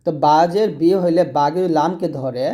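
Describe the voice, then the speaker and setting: Man teaching Quran reading, mellow voice. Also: fairly high pitch. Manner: explains step by step, asks and answers own questions, slows to spell out sounds. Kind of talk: spoken lesson to viewers.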